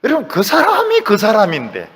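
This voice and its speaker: A man's voice: high-pitched, huge pitch swings, fairly quick, a bit bright, big-room sound. A man preaching a sermon as pastor, emphatic, with rhetorical questions and acted-out quotes. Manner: acts out quoted voices. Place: church sanctuary.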